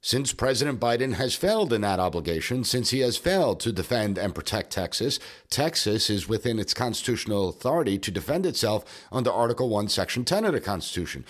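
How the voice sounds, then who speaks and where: A man's voice: on the low side, sing-song, brisk, few pauses. A man hosting a podcast, delivering an emphatic, argumentative political commentary monologue. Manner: emphatic, argumentative, mocking at times. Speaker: podcast host.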